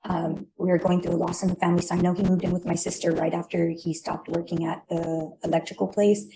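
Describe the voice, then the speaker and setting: Woman witness in court, dark relaxed tone, flat delivery, halting answers. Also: lowish voice, low-quality recording. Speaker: witness, relative of the defendant. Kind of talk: courtroom testimony.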